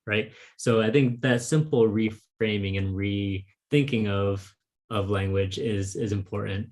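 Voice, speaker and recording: Speaking with a fairly low pitch, this interviewer, a fellow author whose native language is Vietnamese, chats casually over a video call. He's thoughtful, and his speech is sprinkled with "like" and "um."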